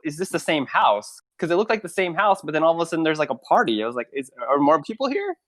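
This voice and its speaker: A man's voice: a little high, expressive, fast talker, fairly bright tone. A man co-hosting a movie podcast in casual chat, easygoing and a bit confused. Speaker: podcast co-host.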